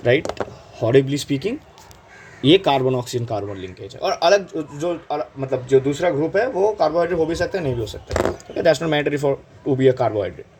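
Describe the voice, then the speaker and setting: A man's voice: mid-range voice, darkish tone, slight background noise. A man with an Indian accent teaching chemistry in an exam-prep lecture, mixing Hindi and English and checking in with "right?" again and again. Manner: switches between Hindi and English, asks "right?" constantly; slow, drawn-out on key terms.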